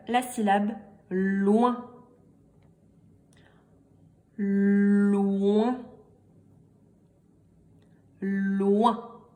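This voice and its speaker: A woman teaching a reading lesson and dictation to young children, speaking slowly, repeating each word and spelling out letters. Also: on the high side, a little mellow. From France. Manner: very slow, deliberate, spells letters and repeats words. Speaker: primary school teacher.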